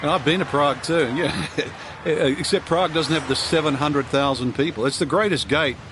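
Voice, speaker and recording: A man's voice: a little high, normal speed, noisy background. A man working as a golf analyst, giving informal, conversational commentary in an anecdotal way.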